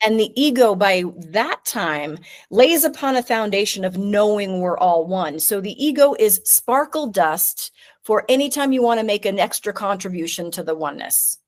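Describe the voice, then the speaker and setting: A middle-aged woman chatting as a guest on a talk podcast, animated and expressive. She slips into playful voices now and then and swears casually. Her pitch sits in an ordinary middle range. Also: normal speed. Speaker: guest, neurosculpting teacher. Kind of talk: casual conversation.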